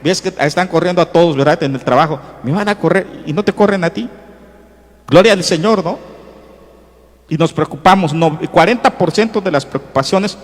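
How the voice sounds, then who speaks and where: Earnest male pastor, slightly high voice, full of "este" fillers, echoing through a church hall. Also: fairly quick. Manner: earnest, repeats key phrases, many fillers like "este". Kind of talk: sermon. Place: church sanctuary, streamed to viewers at home.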